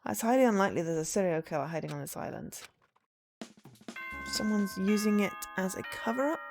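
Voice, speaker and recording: A woman with a mid-pitched voice plays through a story game, reading the dialogue aloud and dropping in casual comments. Game music runs clearly behind her. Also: animated, a little fast. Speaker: gamer playing a visual novel.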